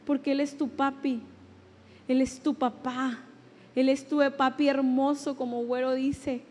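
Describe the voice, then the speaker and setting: A woman's voice: sits high, little pitch movement, a little slow, a little mellow, slight background noise. A woman pastor with a Mexican Spanish accent preaching a sermon, sharing an emotional testimony and repeating phrases for emphasis. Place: church hall. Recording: long hall reverb.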